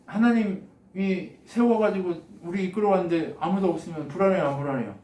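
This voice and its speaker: Male pastor, high voice, animated sermon, roomy and off-mic. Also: fairly quick. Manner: animated, acts out God's lines with laughs. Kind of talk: lively conversational sermon. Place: church sanctuary. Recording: echoey room, mic from a distance.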